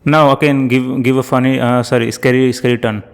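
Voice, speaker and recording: A man with an Indian accent, hosting a tech video and giving spoken commands to a voice app. He talks hesitantly, with fillers and quick self-corrections. His voice carries a long room reverb. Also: mid-range voice, level tone, clean tone. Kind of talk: casual spoken prompts.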